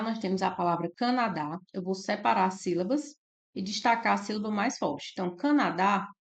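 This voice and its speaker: A woman with a Brazilian Portuguese accent talks through exam questions as a tutor. Her voice sits at a middle pitch, and her manner is casual and explanatory, with frequent checking tags. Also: dull audio. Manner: explanatory, adds "né?" and "ó" often. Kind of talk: casual screen-share lesson.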